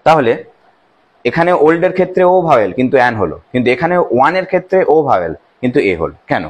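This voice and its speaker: A man's voice: medium pitch, sing-song, fast, slightly rough. A man with a Bengali accent explaining English grammar to students, asking questions and answering them himself and repeating key phrases.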